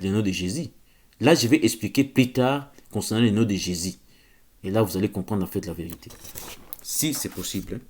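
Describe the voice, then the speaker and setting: A man's voice: fairly low pitch, darkish tone. A man giving an informal spoken lecture, hesitant, often repeating words and checking that listeners follow. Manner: insistent, stresses key words. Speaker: religious lecturer.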